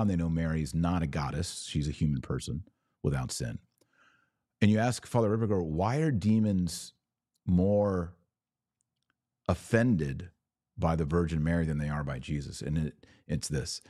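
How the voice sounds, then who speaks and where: A podcast host with a deep, mellow voice offers religious commentary, answering live viewer comments in an emphatic, teaching style with frequent rhetorical questions. The audio is dry and close, without any echo.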